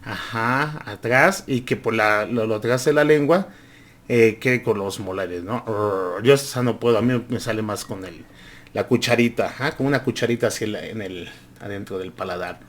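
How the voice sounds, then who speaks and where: A man teaching English pronunciation, repeating each word several times and growling long R sounds to show how they are made. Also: lowish voice. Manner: growls drawn-out R sounds to demonstrate. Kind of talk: language lesson.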